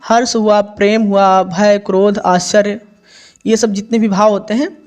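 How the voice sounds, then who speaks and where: A man's voice: sits high, little pitch movement, unhurried, a little mellow. A male teacher solving an exam paper in a lesson, explaining step by step with many repetitions and self-corrections.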